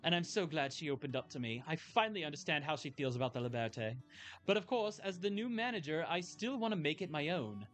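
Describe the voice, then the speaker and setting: A man's voice: fairly high pitch, lively intonation, fast, a bit bright, faint music behind. A man reading out an earnest young woman manager. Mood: relieved. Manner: earnest and heartfelt, read aloud from game dialogue. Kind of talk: reading game dialogue aloud.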